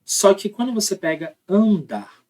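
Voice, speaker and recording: A man's voice: high-pitched, big pitch swings, measured pace, darkish tone. Brazilian guy giving a phonology class, sounds out the example words himself, keeps checking in with the viewer. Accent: Brazilian Portuguese. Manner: explanatory, demonstrates sounds aloud, frequent tag questions. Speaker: linguistics teacher. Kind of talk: recorded phonology lesson.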